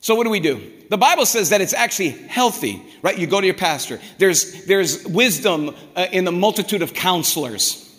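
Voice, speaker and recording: A man preaching a sermon in a lively, conversational way, often acting out people's prayers and complaints. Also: high voice, moderate pace. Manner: animated, conversational, acts out quoted prayers. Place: church hall. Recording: reverberant hall.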